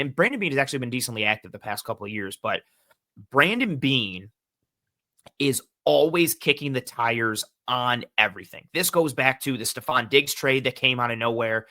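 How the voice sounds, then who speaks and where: A man with a bright, forceful voice talks football on a podcast, close to the mic in a dry room. He tells stories with energy and acts out the voices of others. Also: medium pitch, dry recording. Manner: animated storytelling with quoted voices. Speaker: team analyst guest. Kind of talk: casual sports podcast chat.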